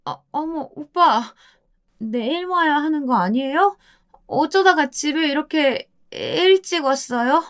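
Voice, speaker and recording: A woman's voice: sits high, very animated, moderate pace, fairly bright tone, pitched above the performer's own voice. A woman voicing a bossy young wife who shrilly scolds her mother-in-law. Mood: flustered.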